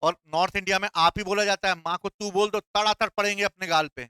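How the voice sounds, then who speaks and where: A man's voice: sits high, steady tone, quick pace, pushed and bright, clear, resonant tone, no echo. A male teacher giving a classroom lecture, playful and quizzing his students with call-and-response questions.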